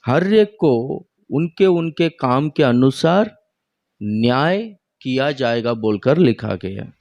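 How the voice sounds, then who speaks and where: A man preaching, taking his time over each phrase. His pitch sits in the middle, and he talks to the congregation like a teacher who keeps checking they are listening. The sound is dry and close, with almost no room around it. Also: lively intonation, darkish tone, dry recording, highs cut off. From India. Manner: slow, conversational preaching with rhetorical questions to the congregation. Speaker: pastor. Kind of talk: sermon.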